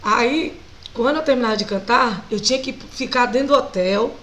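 Brazilian woman singer, Brazilian accent, a touch high-pitched; lively guest recounting her early career. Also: moderate pace, low-quality recording. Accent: Brazilian Portuguese. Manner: animated, laughs often while telling stories. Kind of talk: casual storytelling interview.

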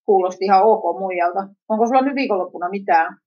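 A woman's voice: medium pitch, lo-fi sound, natural voice. A woman voicing a teasing, prying sister. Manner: teasing, suspicious questioning.

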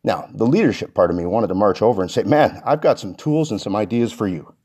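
Male podcast host, low husky voice, a bit winded, earnest and reflective delivery. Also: lively intonation, fast talker, dark tone. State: out of breath. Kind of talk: casual solo podcast talk.

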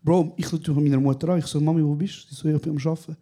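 Husky Swiss German man, higher voice. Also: rapid-fire. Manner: animated storyteller, says 'Bro' often. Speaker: podcast co-host. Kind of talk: casual chat recorded live. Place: small venue, live recording.

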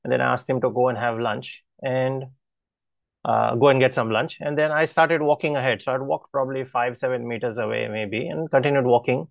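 Male preacher, mid-low gravelly voice; earnest, halting testimony; dull lo-fi sound. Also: steady tone, no echo. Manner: earnest, halting storytelling with restarts. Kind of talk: personal testimony in a sermon.

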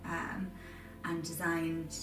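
Young lass with a durham accent chatting in an interview, lowish voice, echoey and far from the mic, music behind. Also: female voice, monotone, extremely slow. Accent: Durham, north-east English. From Durham, England. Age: 20s. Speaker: interview guest, aspiring film and TV editor. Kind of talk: casual interview chat. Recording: roomy, distant mic, music underneath.

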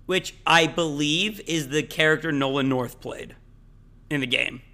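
Bright-voiced man in casual chat. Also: fairly high pitch, unhurried. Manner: animated, opinionated, swears freely. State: voice cracking. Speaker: podcast co-host.

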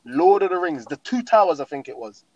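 Young male, London roadman accent, emphatic slangy chat, higher-pitched, dull lo-fi sound. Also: animated, fairly quick, a little mellow, no echo. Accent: London, urban roadman slang style. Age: young adult. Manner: slangy, emphatic, repeats phrases. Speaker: guest talking through favourite games. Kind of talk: casual chat.

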